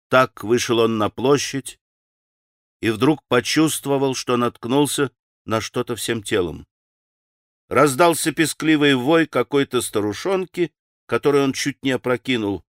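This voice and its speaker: Man reading a classic novel aloud, measured and dramatic, dry close studio sound. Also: medium pitch, no echo. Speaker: audiobook narrator. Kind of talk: scripted classic novel narration.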